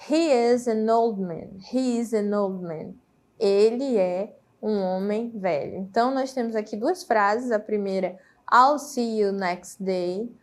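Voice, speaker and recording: Patient Brazilian woman teaching English. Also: mid-range voice. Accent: Brazilian Portuguese. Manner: explains patiently, tags phrases with "né?", reads English examples slowly. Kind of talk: recorded classroom lesson.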